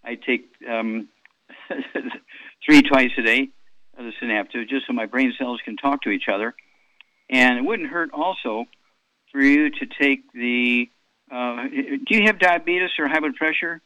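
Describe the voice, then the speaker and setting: A man's voice: medium pitch, measured pace, bright, forceful tone, dry recording, dull audio. A man in his eighties hosting a call-in radio health show, rambling through product doses with many fillers and repeats. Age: 80s.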